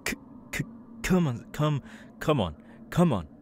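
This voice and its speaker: In an ASMR audio roleplay, a man plays an unhinged young killer with tics and a stutter, his fairly high voice pushed up and swinging widely in pitch at a measured pace. He stammers, mutters asides, and yelps out sudden words, sounding troubled and frustrated. Music plays in the background.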